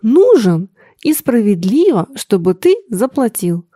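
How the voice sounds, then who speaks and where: A woman's voice: on the high side, sing-song, measured pace, warm tone, no echo, studio quality. A woman reading aloud, voicing a young son who speaks coolly and with clipped irritation. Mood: cold.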